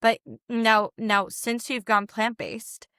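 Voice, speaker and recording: A woman hosting a podcast interview, talking quickly and enthusiastically with lots of filler words. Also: on the high side, steady tone, pushed and bright, clean tone, no echo, studio quality. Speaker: podcast host. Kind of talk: casual interview chat.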